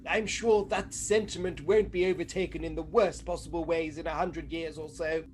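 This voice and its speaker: A man playing a prim, sceptical doctor sidekick in a comic radio drama, wry and deadpan. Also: on the high side, moderate pace, a little hiss or hum, close to an everyday voice.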